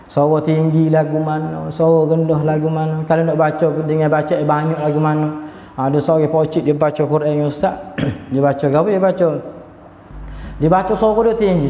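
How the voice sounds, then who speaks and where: A religious teacher with a Kelantanese Malay accent leads a chatty Quran class, chanting short passages to demonstrate their recitation. His voice is a little high with a dark tone, captured in an echoey hall with dull lo-fi sound.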